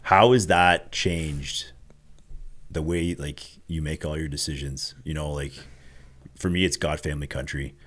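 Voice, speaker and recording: A male podcast host asking questions in a laid-back, soft-spoken way. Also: extremely low pitch, a little slow. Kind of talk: casual interview.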